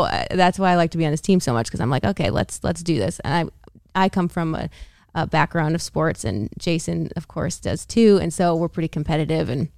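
American woman telling a lively podcast story. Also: lowish voice, gravelly, no room sound, clean studio sound. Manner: animated, laughs often, acts out quoted dialogue. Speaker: podcast co-host. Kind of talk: casual storytelling chat.

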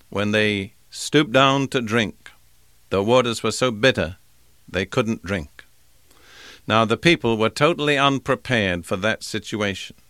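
A man preaching a sermon, reading scripture and explaining it in a measured, deliberate way. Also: mid-range voice, a bit bright, dry recording, clean studio sound. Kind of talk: sermon teaching.

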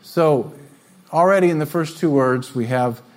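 A man pastor giving a conversational sermon to his congregation, teaching with frequent fillers and gentle asides. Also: a little high, unhurried.

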